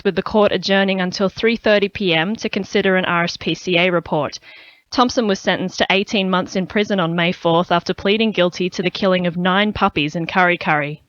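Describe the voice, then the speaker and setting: A woman with an Australian accent reads a scripted news bulletin on radio from a dry studio with no room sound. Her voice is on the low side and a bit bright. The broadcast audio is slightly dull and lo-fi.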